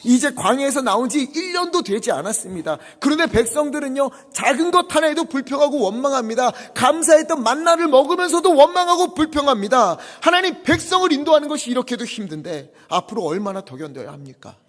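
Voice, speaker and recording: Moses as a worn-out old leader pleading with God, voiced by a male preacher, his high voice lurching from hushed whispers to raised cries. The pitch rises and falls widely, and a long church reverb trails after every phrase. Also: lively intonation, quick pace, hardly any pauses, breathy edge. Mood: despairing.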